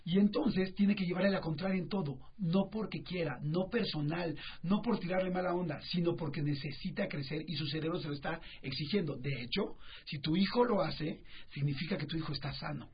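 Husky fast-talking Mexican man explaining parenting. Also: on the high side. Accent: Mexican Spanish. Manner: animated, explains with rhetorical questions and acted-out quotes. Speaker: author and parenting guest. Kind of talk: radio talk show conversation. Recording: dull radio broadcast sound.

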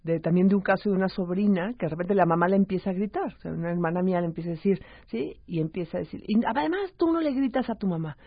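A woman's voice: on the low side, fast, few pauses, slightly rough, no echo. A woman hosting a radio talk show, conversational and encouraging, telling anecdotes and steering the talk. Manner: conversational, encouraging, brief affirmations. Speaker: radio host. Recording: slightly dull radio broadcast sound.

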